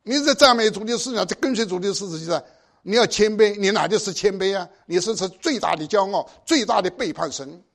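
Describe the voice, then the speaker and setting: High-voiced older preacher, exhorting. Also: male voice, fairly quick, creaky. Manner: exhorting, with pointed rhetorical questions. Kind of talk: sermon.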